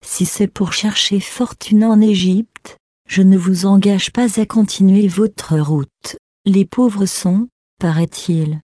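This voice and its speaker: A woman's voice: medium pitch, warm tone, no echo, clean studio sound. A woman reading a grieving desert mother. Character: grieving desert mother, proud then softening.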